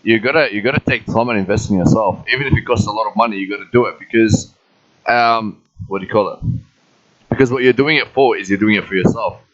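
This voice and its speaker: Low-voiced man on a dull mic. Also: fast talker. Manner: relaxed, filler-heavy, hesitant "um". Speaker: podcast co-host reading comments. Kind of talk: casual podcast chat.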